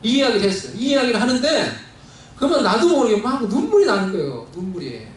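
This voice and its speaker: A man's voice: very high-pitched, very animated, fast talker. A male pastor preaching a sermon, telling a personal story in a heartfelt, conversational way with many fillers. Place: church sanctuary. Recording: very echoey church hall, mic at a distance.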